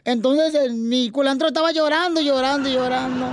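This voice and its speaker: A man's voice: very high-pitched, fairly even intonation, moderate pace, a little hiss or hum. A man doing a brassy gossiping comadre. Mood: gossipy. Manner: teasing, nosy, bawdy. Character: Chela Prieto, a brassy gossiping middle-aged woman. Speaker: radio co-host. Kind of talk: comedic radio talk show.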